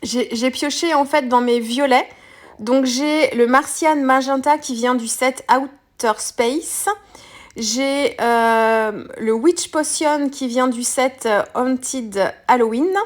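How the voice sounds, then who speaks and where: A woman's voice: high-pitched, slow pace. A woman giving a casual step-by-step craft demonstration, talking hesitantly with frequent fillers and self-corrections. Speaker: craft tutorial presenter.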